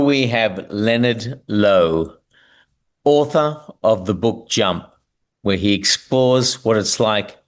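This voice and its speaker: A man hosting a podcast, moving between casual chat and scripted reading. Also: on the low side. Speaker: podcast host.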